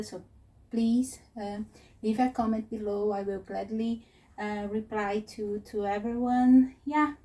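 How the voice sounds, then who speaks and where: A woman who is not a native English speaker, giving a casual, unscripted tour as a vlogger in a hesitant, halting way. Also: fairly high pitch, warm tone. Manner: hesitant, halting phrasing with searching pauses. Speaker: craft vlogger and presenter. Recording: distant mic with faint noise.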